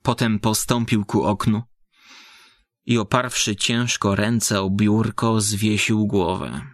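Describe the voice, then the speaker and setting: A man reading a literary story aloud in measured, dramatic narration, voicing the characters. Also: lowish voice, steady tone, dry recording, clean studio sound.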